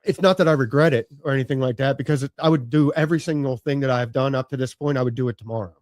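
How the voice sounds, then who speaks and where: A man's voice: medium pitch, rapid-fire, darkish tone, dry recording. A man in his late thirties talking casually as a podcast guest, rambling with lots of "you know" and "like" and casual swearing. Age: late 30s. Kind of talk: casual conversation.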